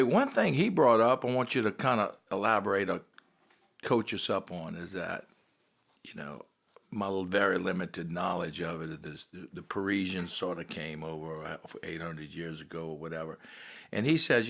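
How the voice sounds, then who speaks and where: A male podcast host with a deep voice and a gravelly rasp. He talks in a loose, conversational way, retells stories, and invites his guest to explain. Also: fairly bright tone. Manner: conversational, asks guest to elaborate. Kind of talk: casual interview chat.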